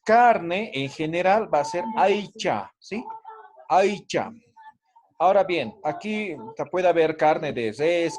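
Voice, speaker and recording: A man's voice: fairly high pitch, darkish tone. A man teaching an online language class, explaining patiently and checking in with tag questions.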